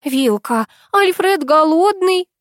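A woman narrator puts on a gentle, kind-hearted friend who pleads softly and fusses over everyone, pitched well above her narrating voice. The recording is dry and up close. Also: animated, slow pace, no echo, full character voice. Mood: fussing. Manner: soft, pleading, caring. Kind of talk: audiobook dialogue reading.

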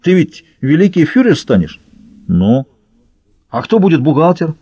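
A man's voice: a little high, big pitch swings, a little slow, dark tone, husky, no echo, voice pushed up, exaggerated voice. A man doing a pushy, nosy savage fighter. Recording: slightly dull dry recording.

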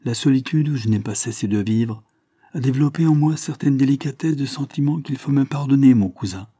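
A man voicing a gentle, earnest young woman pleading with her cousin in a storybook reading. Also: medium pitch, fairly quick, breathy edge, no echo, studio quality, voice pushed up, close to an everyday voice. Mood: pleading tender. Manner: pleading, impassioned.

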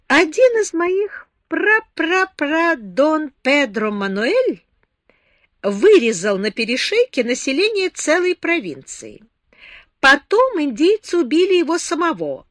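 A woman's voice: high-pitched, sing-song, measured pace, a bit bright, no echo, studio quality, pitched above the performer's own voice, heavily acted. A woman voicing a capricious, tipsy young woman in an audiobook, whimsical and dreamy. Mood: playful. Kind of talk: audiobook character reading.

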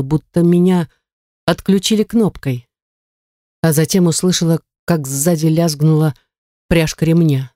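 An audiobook narrator reading a first-person story in a steady, measured way. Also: mid-range voice, dry recording, studio quality.

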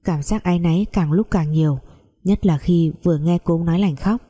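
Woman reading a family drama story, deep dark voice, keeps it pretty level. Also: moderate pace, slightly rough. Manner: reads all characters in a mostly even voice. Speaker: narrator. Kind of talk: storytelling audiobook narration.

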